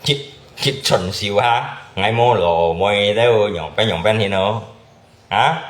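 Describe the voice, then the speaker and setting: A man's voice: lowish voice, unhurried, fairly bright tone. A man from Indonesia chatting casually as a channel host, often asking back with short questions. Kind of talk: casual chat. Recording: roomy echo.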